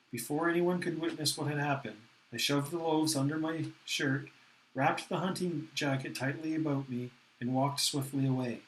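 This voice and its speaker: A man narrating a novel aloud in the first person, with a steady, earnest reading manner. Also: fairly high pitch, poor audio.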